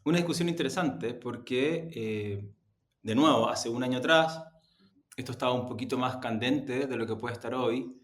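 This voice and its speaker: A media executive answers interview questions conversationally, hesitating as he hunts for the right words to explain things. His mid-range voice is a bit bright and moves at a moderate pace, and the recording sounds roomy and echoey.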